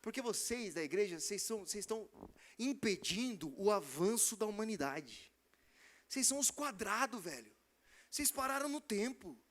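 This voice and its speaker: A woman's voice: mid-range voice, sing-song, moderate pace, lightly acted. A man voicing a scornful young woman who rants accusingly at church people, told in a church talk. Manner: accusing rant.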